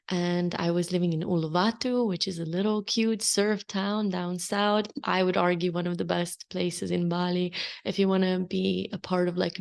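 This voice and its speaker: A woman's voice: fairly low pitch, creaky. A woman, hosting a podcast in open, unscripted, meandering solo talk. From Slovenia. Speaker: podcast host. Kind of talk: casual solo podcast chat.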